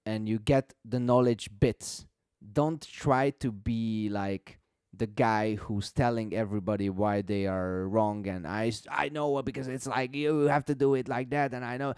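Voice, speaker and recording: A man's voice: on the low side, measured pace, darkish tone, clean tone, dry recording, clean studio sound. A man hosting a casual live stream, explaining things at length and repeating words for emphasis. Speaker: host explaining music mixing.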